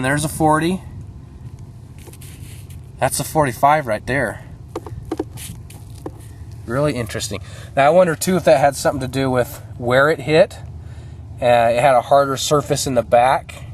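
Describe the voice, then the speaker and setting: A man hosting his own video, giving casual, enthusiastic running commentary to the camera outdoors, chatty and full of pauses, picked up on a camera mic. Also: mid-range voice, noisy background. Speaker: video host. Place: outdoor shooting spot.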